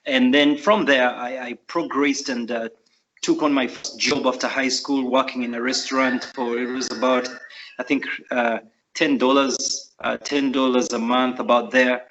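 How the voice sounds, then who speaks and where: A man's voice: medium pitch, steady tone, moderate pace, fairly bright tone. A middle-aged man with a Ugandan accent, answering interview questions in an earnest, reflective way with frequent fillers. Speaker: guest author. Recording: muffled lo-fi audio.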